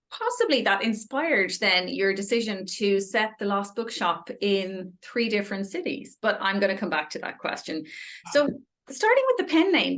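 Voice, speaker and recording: A woman speaks at a medium pitch as an event host. Her phrasing is polite and effusive. She delivers introductions and interview questions in a chatty, semi-prepared style. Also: a bit bright.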